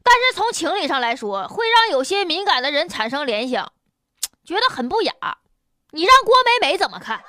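High, bright-voiced woman with Northeastern Chinese accent. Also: sing-song, a little fast, dry recording, clean studio sound. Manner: chatty, sardonic, folksy. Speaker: radio show host. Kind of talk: colloquial comic news commentary.

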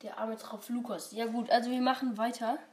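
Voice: mid-range voice, steady tone, fairly quick. A female co-host of a laughing challenge, chatting casually in a slangy, giggly, teasing way. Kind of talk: casual joking reaction chat. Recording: noisy echoey room.

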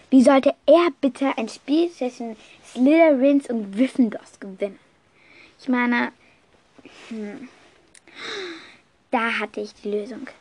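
A woman with a slightly high voice tells a first-person story off the cuff. She speaks in a lively way, often restarting and correcting herself mid-sentence.

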